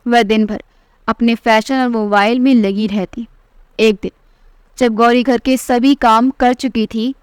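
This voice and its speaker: A woman narrating a scripted family story in an even, measured way. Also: a little high, clean tone, no room sound.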